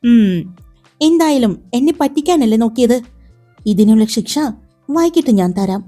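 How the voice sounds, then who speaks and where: Woman reading a playful young man in a romance story, teasing and bossy, soft low delivery, mellow voice, faint music behind. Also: expressive, normal speed.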